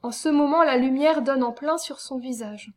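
Woman, high voice, solemn measured narration, audiobook reading. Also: darkish tone. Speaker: reader.

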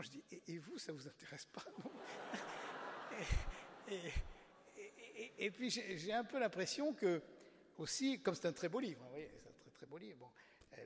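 An author presents his book, speaking informally and chattily to an audience with wry asides and frequent restarts. His voice is fairly high-pitched and gravelly, and the recording has long hall reverb.

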